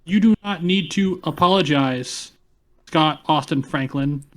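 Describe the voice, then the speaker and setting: Jimbo is a precise, formal robot assistant who states everything in the same level, deadpan tone. He talks in a slightly high register for a man, as a player puts him on during a tabletop game. Lines come out clipped and businesslike. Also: a little slow, lightly acted. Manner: flat, formal robotic delivery. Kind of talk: tabletop role-play in character.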